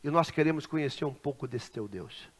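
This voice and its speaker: Animated preacher from Rio. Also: male voice, medium pitch, a little fast. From Brazil. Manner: dramatic storytelling, swings from hushed to shouting. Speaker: pastor. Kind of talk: Pentecostal sermon. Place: large church sanctuary.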